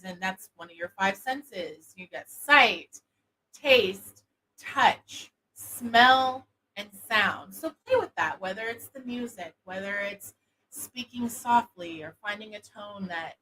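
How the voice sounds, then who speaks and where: A woman hosting a casual product demo, talking in a soft, sultry voice with many fillers. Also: mid-range voice, rough recording. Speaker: host of an intimacy product show.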